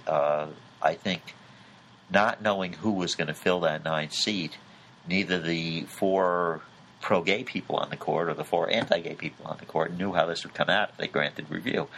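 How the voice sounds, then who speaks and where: Man, middle-aged, very deep voice, measured legal explanation, frequent "uh" fillers, faint background noise. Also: fairly bright tone, rough recording. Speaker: legal commentator.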